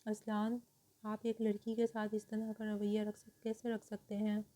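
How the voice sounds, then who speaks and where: An indignant young bride from a romance audiobook, voiced by a woman, protective and demanding. She speaks in an even, flat tone that stays dark and mellow. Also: mid-range voice, close to an everyday voice.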